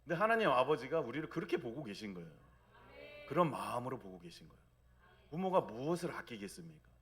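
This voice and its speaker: Brief: thirties male pastor, chatty Sunday sermon, checks in with the congregation, drops soft and low for God's lines. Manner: conversational, asks the congregation for agreement; acts out God's gentle speech in a soft low voice. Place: church sanctuary.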